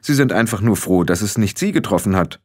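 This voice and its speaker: A man narrating a story in calm, scripted audiobook reading. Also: on the low side, fairly quick.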